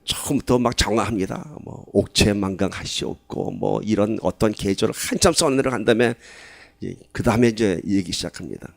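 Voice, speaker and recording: A pastor giving a sermon in a conversational way, asking the congregation questions and rising to loud, emphatic stretches. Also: male voice, fairly low pitch, normal speed, gravelly, no room sound.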